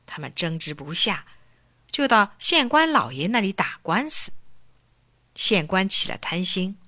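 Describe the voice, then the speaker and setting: A woman telling a children's folk tale with an expressive, animated delivery. Her voice is bright and fairly high, swinging up and down as she tells it. The recording is close and dry. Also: unhurried, dry recording. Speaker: storyteller. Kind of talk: children's story narration.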